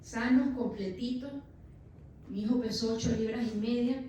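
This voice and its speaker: A woman's voice: a little high, fairly even intonation, moderate pace, warm tone. A woman pastor in her thirties preaching a sermon with emphatic delivery, addressing the congregation as brother. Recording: echoey church from far off, faint noise.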